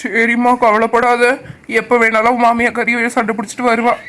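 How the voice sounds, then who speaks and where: Woman doing a gruff low-voiced mom, loud and bossy, kinda noisy recording. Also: flat delivery, brisk, close to an everyday voice. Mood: scolding.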